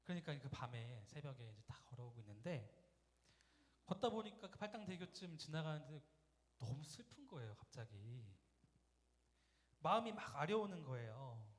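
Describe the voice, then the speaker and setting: A man preaching in a church sanctuary, telling stories in a relaxed, conversational way and often putting questions to the congregation. His voice sits a little higher than most men's. A long reverb trails behind every phrase, as in a big hall. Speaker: guest pastor. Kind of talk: storytelling sermon. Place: church sanctuary during a Sunday service.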